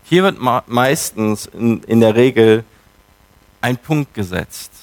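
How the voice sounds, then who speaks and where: A man's voice: mid-range voice, lively intonation, slow, no echo. A man preaching a sermon in a reflective, questioning way, with emphatic turns.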